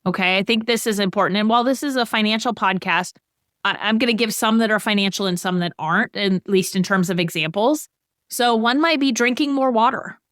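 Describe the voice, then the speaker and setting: A woman's voice: mid-range voice, a little fast, fairly bright tone, no room sound, studio quality. A middle-aged woman on a financial podcast, explaining goal-setting with everyday examples in a conversational way.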